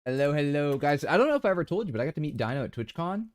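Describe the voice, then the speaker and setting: A man's voice: on the high side, sing-song, racing, no room sound, studio quality. A young man streaming a game, chatting playfully with his viewers. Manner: playful, chatty, addresses chat. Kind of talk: casual live-stream commentary.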